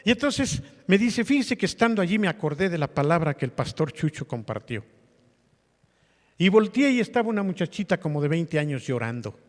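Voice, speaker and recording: A male pastor gives a sermon, talking with his congregation and throwing questions at them. His voice sits a little high for a man. The sound carries a long church-hall reverb. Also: big pitch swings, a little fast. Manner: conversational preaching with rhetorical questions to the congregation.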